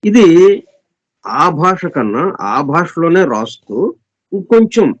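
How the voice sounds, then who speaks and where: A man giving an explanatory scripture lesson as a spiritual teacher, repeating and listing synonyms slowly and deliberately, reading English passages very slowly. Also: fairly high pitch, sing-song, a bit bright, no room sound. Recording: dull, dry lo-fi recording.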